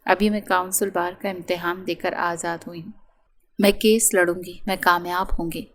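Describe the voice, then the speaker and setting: A woman voicing a young woman in love who pleads softly in a romance audiobook. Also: fairly low pitch, fairly even intonation, a little hiss or hum, lightly acted. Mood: pleading. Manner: soft, pleading. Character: lovesick young woman, law graduate, earnest.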